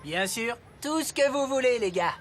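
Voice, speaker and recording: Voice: mid-range voice, lively intonation, moderate pace, background noise, natural voice. An actor voicing a vain, cocky star skateboarder in a French cartoon, laid-back and showy. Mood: cocky, casual. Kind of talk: French animated series dialogue. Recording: loud music behind the voice.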